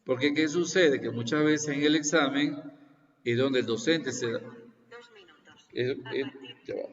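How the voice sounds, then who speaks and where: A man's voice: medium pitch, unhurried. A man in his sixties, a university lecturer, opening an online class with repetitive explanations and frequent checks that students follow. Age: 60s. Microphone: video call. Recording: distant, roomy, dull video-call audio.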